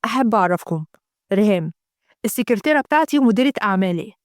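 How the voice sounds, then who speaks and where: A woman's voice: medium pitch, expressive, quick pace, dry recording, studio quality, voice pushed down, natural voice. A woman voicing a scheming young businessman with an Egyptian accent, talking in pushy, condescending sweet talk. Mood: smug. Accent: Egyptian Arabic.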